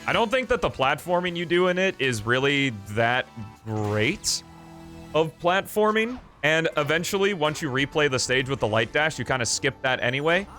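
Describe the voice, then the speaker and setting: A young man rambles loudly on a live stream from a small room treated with foam, cracking jokes and leaning on fillers. His voice is on the high side and expressive, at normal speed, with faint music in the background.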